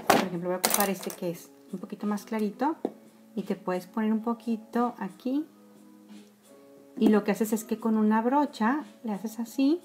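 With music in the background, a mid-range voice speaks at a moderate pace. The speaker is a Mexican-accented woman in her forties, a makeup vlogger hosting a live tutorial in a small room; she talks chattily to viewers, addresses them as girls and falls into whispers as she applies makeup, picked up close by a phone or webcam.

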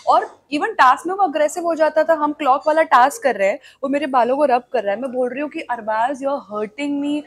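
A woman's voice: high voice, fast, hardly any pauses, fairly bright tone. A young woman speaking as an interview guest, candid and emphatic, switching between Hindi and English.

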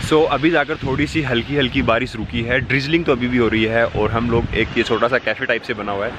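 A man's voice: medium pitch, steady tone, brisk. A young man in a casual travel vlog, chatting and pointing out the views, filming himself with a phone from inside a car. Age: young adult. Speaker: travel vlogger. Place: inside a car on mountain roads. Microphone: phone held at arm's length. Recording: loud road and rain noise. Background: car and road noise.

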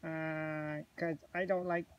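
A woman's voice: low voice, little pitch movement, slow pace, highs cut off. Casual boy doll voiced by a woman. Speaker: toy adventure show co-host. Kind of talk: playful outdoor toy vlog. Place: outdoors in a yard.

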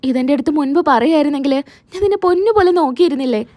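Tender middle-aged mother-in-law, consoling, high dry voice, read by a woman. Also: expressive, quick pace, warm tone, no echo.

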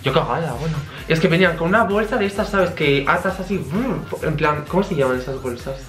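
A man's voice: fairly high pitch, fairly quick, fairly bright tone. A young man with a Spain Spanish accent, telling a story in a camp, dramatic way with crude slang. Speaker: vlogger. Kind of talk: casual storytelling. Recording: roomy echo, faint music.

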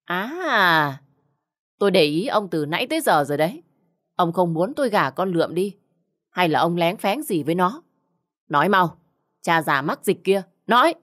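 A woman voicing a sharp-tongued, jealous middle-aged wife in a storybook reading. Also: big pitch swings, normal speed, long pauses. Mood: accusing. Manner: shrill, accusing.

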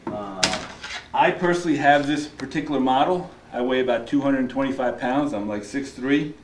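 A man's voice: mid-range voice, moderate pace. Middle-aged male presenter, casual and explanatory with fillers, recorded on a camera mic in a roomy store. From New Jersey. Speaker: kayak fishing presenter. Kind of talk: product demonstration. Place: large indoor kayak shop. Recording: roomy shop echo, faint noise.

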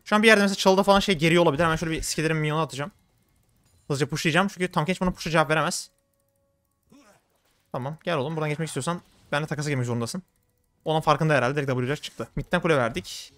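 A young man commenting on his own game as he plays, talking fast and getting worked up. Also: fairly high pitch, dry recording. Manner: rapid, excitable, swings into frustrated outbursts. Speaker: gaming streamer. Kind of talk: live gameplay commentary.

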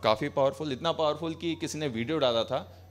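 A man's voice: fairly high pitch, brisk. A young man doing a live stand-up comedy set on a small cafe stage, talking to the audience in a sarcastic, conversational way through a handheld mic. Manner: conversational, sarcastic, switching between Hindi and English.

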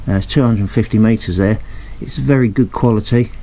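A man with a lowish, dark-toned voice talks briskly as he looks over an old radio indoors in his cluttered workshop. A radio restorer, he narrates casually, often pausing, hesitating, and saying um as he thinks out loud.

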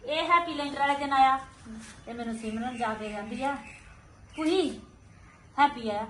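A woman with a Punjabi accent chatting casually and telling a story like a dramatic, animated aunty, mimicking people as she goes. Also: sits high, a little fast. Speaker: family member in a food vlog. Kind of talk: casual family chat. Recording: echoey, clearly noisy home recording.

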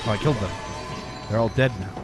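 A man's voice: fairly low pitch, fast talker, over music. A man casually joking through a video game playthrough with a friend. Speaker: let's play host.

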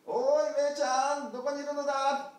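A man playing a kind, worried shepherd in a children's picture-card story, calling out loudly. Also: very high voice, a little slow, pitched above the performer's own voice. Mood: calling anxiously. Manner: loud calling and shouting. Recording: echoey church hall from far off.

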